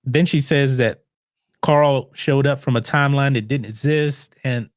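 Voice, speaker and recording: Animated man ranting about movies. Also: medium pitch, measured pace, no room sound, clean studio sound. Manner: animated, incredulous, restarts words often. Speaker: podcast host. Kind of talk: casual movie podcast chat.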